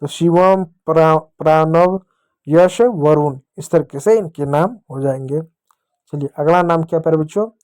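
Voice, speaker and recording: Man with giving a kids reading lesson, slow and patient, smooth clear voice a bit on the high side. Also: a little mellow. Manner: patient, repeats words slowly and calls the kids dear children. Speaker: teacher.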